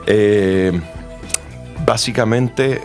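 Man, argentine accent, very low voice, chatty guest, restarts, faint music. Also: drawn-out words, a little mellow. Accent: Argentine Spanish. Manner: friendly, chatty, frequent restarts and fillers. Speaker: guest, company general manager. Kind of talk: casual interview answers.

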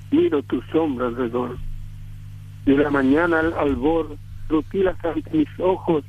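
A man from Paraguay, calling in to a radio show on speakerphone. He speaks in a measured, formal way with some hesitations. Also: fairly high pitch, no echo. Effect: phone line on speakerphone. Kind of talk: on-air cultural segment and poetry recital. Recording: dry, tinny phone line.

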